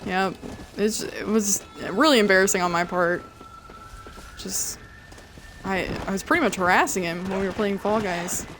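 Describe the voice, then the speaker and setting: A woman's voice: mid-range voice, moderate pace, pauses often, music in the background. A woman live streamer chatting casually and jokingly with her chat while she plays a video game, swearing freely.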